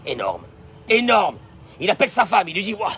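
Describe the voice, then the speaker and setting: A male rabbi preaching a sermon, emphatic and repetitive, swinging between loud declarations and hushed asides. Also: sits high, huge pitch swings, quick pace, vocal fry, slight background noise.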